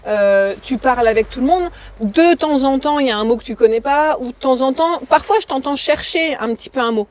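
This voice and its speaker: A woman travel vlogger chats casually while tidying up. Her voice sits a little high, and she talks in a loose, hesitant way with plenty of fillers. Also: brisk, a little mellow. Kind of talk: casual chat.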